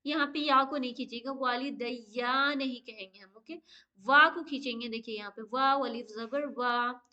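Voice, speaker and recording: A woman's voice: sits high, fairly even intonation, pushed and bright, muffled recording. A woman teaching an online lesson on Quran recitation rules, explaining each step patiently and often saying okay. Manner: slow drawn-out chanted Arabic recitation.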